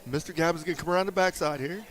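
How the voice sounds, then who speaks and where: A man's voice: a little high, racing. Man, stream commentator. Easygoing sideline interviewer who laughs and teases, at a bowling alley. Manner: laughs often, friendly teasing questions.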